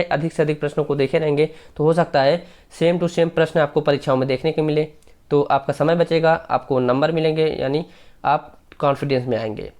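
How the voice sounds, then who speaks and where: A man with a slightly raised voice runs through exam questions at a brisk clip. He explains each answer step by step and talks straight to his viewers. It sounds like a focused exam-prep lesson. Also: fairly high pitch, a little mellow. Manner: brisk, explanatory, addresses viewers directly as friends.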